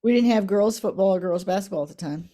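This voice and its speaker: A woman in her eighties, reminiscing in a casual family interview, soft-spoken, her voice trailing off quietly at the ends of lines. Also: medium pitch, fast. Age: 80s. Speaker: interviewee, the mother.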